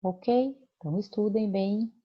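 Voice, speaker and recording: A woman's voice: mid-range voice, a little slow, husky, highs cut off. A Brazilian woman teaching a remote lesson, explaining patiently with many fillers and check-ins to her students. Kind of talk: remote lesson correcting homework.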